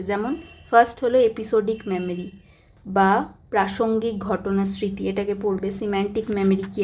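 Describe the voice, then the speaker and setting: Woman, young adult teacher, exam revision lesson, emphatic and repetitive, mid-pitched voice. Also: a little mellow, slight background noise. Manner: emphatic, repeats key points, mixes English terms. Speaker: psychology teacher.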